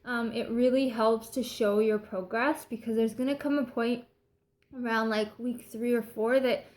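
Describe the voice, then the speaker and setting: A woman with a Canadian accent talks in a fairly high voice. She shares advice in a casual vlog style, chatty and informal, as if talking to people she knows. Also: steady tone, normal speed, a little mellow. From British Columbia, Canada. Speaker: vlogger sharing recovery tips.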